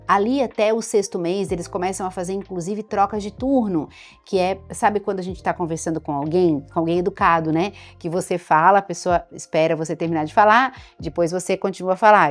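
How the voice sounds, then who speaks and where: A woman doctor with a Brazilian Portuguese accent, explaining baby development to parents in a chatty, lively way. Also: fairly low pitch. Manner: chatty, warm explainer, imitates baby sounds and baby talk. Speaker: doctor giving parenting advice. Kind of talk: explanatory talk to camera.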